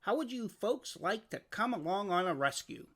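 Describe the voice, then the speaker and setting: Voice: mid-range voice, lively intonation, normal speed, a bit bright, pitched above the performer's own voice. A storybook reader voicing a jovial, bold male fire chief who gives hearty commands. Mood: hearty, welcoming.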